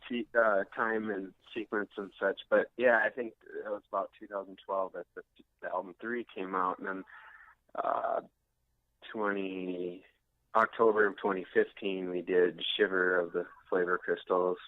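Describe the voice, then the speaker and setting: An American rock guitarist, interviewed over a tinny, narrow, phone-like line, chats casually in a hesitant, unassuming way. His voice is low and flat, at a normal speed, with no echo.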